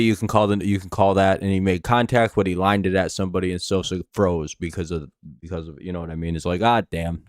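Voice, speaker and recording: An American man hosts a casual sports live stream in a low voice, recorded dry and close. His s sounds whistle with a slight lisp from false teeth. He rambles through play-by-play and chat like a fan, swearing as he goes. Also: a little mellow, no echo. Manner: rambling, profane, laid-back fan talk.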